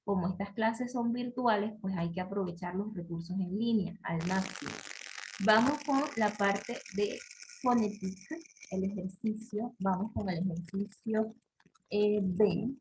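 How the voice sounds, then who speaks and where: Slow, patient woman teacher. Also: mid-range voice, darkish tone, slight background noise, low-quality recording. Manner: slow, explanatory, many "¿ok?" checks and "este" fillers; reads French example sentences slowly with exaggerated pronunciation. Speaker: French teacher. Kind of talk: online class lecture.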